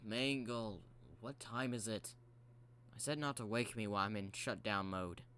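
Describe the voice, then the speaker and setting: A worn-out male robot fox grumbles through his lines, as a man plays him. He stumbles and pauses, sounding half asleep. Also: on the low side, fairly even intonation, bright, forceful tone, clean tone. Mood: drowsy. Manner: sleepy, hesitant, full of filler words.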